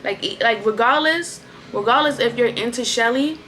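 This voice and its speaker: A woman's voice: fairly high pitch, moderate pace, fairly bright tone, slight background noise. A woman ranting casually in a recap vlog, blunt and profane, circling back to the same points. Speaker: reality-show recap vlogger. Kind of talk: casual rant.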